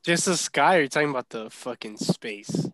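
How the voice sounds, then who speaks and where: A man's voice: mid-range voice, expressive, normal speed, fairly bright tone, no echo, low-quality recording. A young man in a casual group chat, brash and joking, swearing freely.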